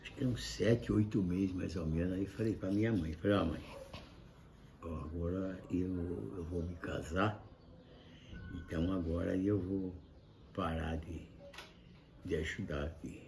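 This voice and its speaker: A very old Brazilian man with a gravelly, creaking voice reminisces casually. He speaks plainly and haltingly, often circling back to repeat himself. The voice sits a little low, with clear room noise behind it. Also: fairly even intonation, a little mellow. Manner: halting, repetitive, plain-spoken. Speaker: grandfather sharing life lessons. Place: indoor kitchen-like room, seated at a table. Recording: clearly noisy room ambience.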